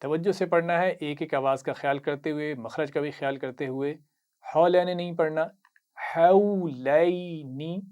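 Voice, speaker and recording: A man's voice: a little high, steady tone, clean tone. Patient Urdu-accented male Quran teacher. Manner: patient, praising, recites words slowly and drawn out. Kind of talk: slow instructional lesson.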